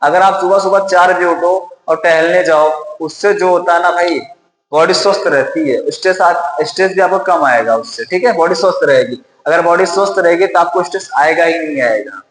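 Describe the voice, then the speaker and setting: A man's voice: on the high side, normal speed, fairly bright tone. A man teaching a lesson, repeating key points and asking and answering his own questions. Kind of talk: classroom-style lecture. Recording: roomy echo with long reverb.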